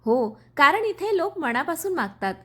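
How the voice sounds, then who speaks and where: A woman voicing a gentle, quietly loving young man in a storybook reading, speaking softly. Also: high-pitched, big pitch swings, moderate pace.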